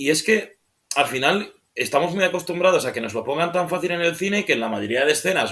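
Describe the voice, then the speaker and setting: A man's voice: mid-range voice, pushed and bright. A man on a film podcast talking off the cuff, rambling and searching for words, often ending phrases with a questioning tag. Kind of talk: casual film discussion.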